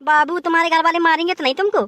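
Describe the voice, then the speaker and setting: A woman's voice: very high voice, steady tone, rapid-fire, fairly bright tone, dry recording. A woman voicing a lazy, grumbling young bride in a comic cartoon, whiny and theatrical with wailing exclamations.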